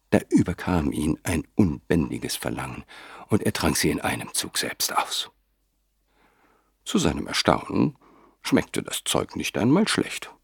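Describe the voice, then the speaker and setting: A man reading an audiobook in a measured, wry storytelling manner. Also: rumbling low, gravelly, husky, dry recording, studio quality. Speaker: audiobook narrator. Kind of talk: scripted narration.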